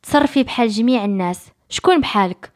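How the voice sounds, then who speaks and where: A woman's voice: fairly high pitch, expressive, quick pace, natural voice. A woman with a Moroccan accent voicing a bossy servant of the sultan who gives curt orders. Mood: commanding.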